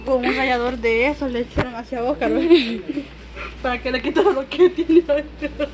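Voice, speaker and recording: A woman, joking loudly with friends while shopping. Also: sits high, normal speed, noisy background. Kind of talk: casual chat. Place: indoor variety store.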